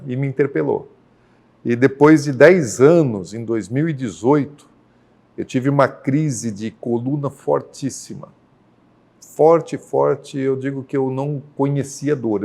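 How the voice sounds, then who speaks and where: A man from Brazil, a senior pastor, recounts a deeply personal faith experience as a podcast guest. He speaks in a mid-range voice, earnest and unhurried. He keeps checking in with his listener through small tag questions. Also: vocal fry, a little mellow. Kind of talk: conversational faith testimony.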